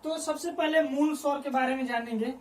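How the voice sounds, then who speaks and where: A woman's voice: high-pitched, fairly quick, a little mellow, a little hiss or hum. A woman teacher giving a dictation lesson, repeating each phrase so students can write it down, then asking the class questions and answering them herself. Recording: voice picked up from a distance.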